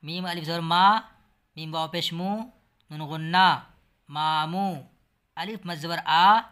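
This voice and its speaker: A man's voice: fairly high pitch, steady tone, takes it slowly, pushed and bright, clear, resonant tone. A man teaching a reading lesson, with an Urdu accent, spelling out each word letter by letter and vowel sign before reading it whole. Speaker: language teacher.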